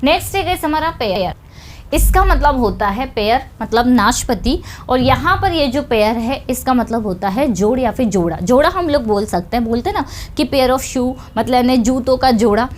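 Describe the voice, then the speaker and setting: A woman's voice: a little high, lively intonation, a little hiss or hum. A woman teaching an English lesson, explaining step by step and calling her viewers "guys". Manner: explains step by step, addresses viewers as "guys", asks quick check questions.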